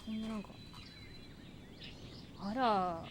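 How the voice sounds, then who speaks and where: A woman's voice: mid-range voice, slow, noisy background. A young adult woman streaming a game with chatty, giggly commentary, often echoing the game's lines. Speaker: VTuber streamer. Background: game music.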